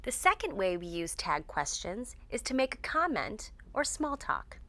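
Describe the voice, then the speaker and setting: A woman English teacher talks through a scripted grammar lesson with a lively, swinging pitch. She speaks clearly and measuredly, leaning hard on the rise and fall of each example. The sound is close and dry, with no room around it. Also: normal speed, no echo.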